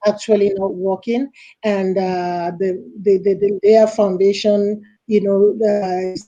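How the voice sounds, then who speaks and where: A woman's voice: medium pitch, little pitch movement, takes it slowly, mellow, highs cut off. A woman interviewed on a podcast as a foundation director, speaking earnestly with hesitant fillers.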